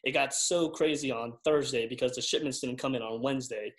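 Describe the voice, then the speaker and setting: A man hosting a casual interview, relaxed, chiming in with short affirmations and his own anecdotes. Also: medium pitch, a little fast. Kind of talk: casual podcast chat.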